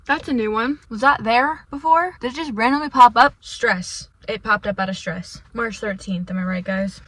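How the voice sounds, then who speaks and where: A woman's voice: on the high side, normal speed, fairly bright tone. Upset young woman venting into a phone video. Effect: recorded as a phone video. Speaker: vlogger. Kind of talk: casual vlog talk to camera. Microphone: phone camera.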